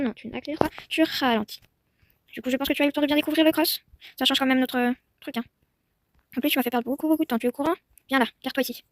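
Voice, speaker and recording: A young woman with a high voice and a faint hiss or hum in the recording streams a Roblox horse-riding roleplay. She chats casually about the game while coaxing and calling her virtual horse, her soothing horse-talk swinging into panicked shouting.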